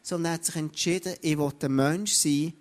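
A man's voice: fairly high pitch, steady tone, a little fast. A man preaching a sermon, speaking straight to his listeners and often starting over with "hey, schau". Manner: addresses listeners directly with repeated "hey, schau" and frequent restarts.

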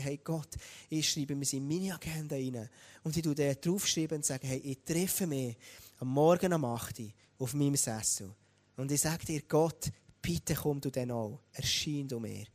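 A man with a Swiss German accent preaching a sermon, talking straight to the congregation in a lively way. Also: a little high. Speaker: pastor.

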